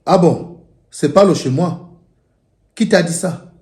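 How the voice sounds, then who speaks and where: A man's voice: on the high side, takes it slowly, a little mellow. A man with a Cameroonian French accent playing a stern, blustering older stepfather who keeps scolding. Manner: scolding, repeats himself, demanding. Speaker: stepfather in a comedy web series. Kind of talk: comedy web series acting. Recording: roomy echo, far from mic, light music.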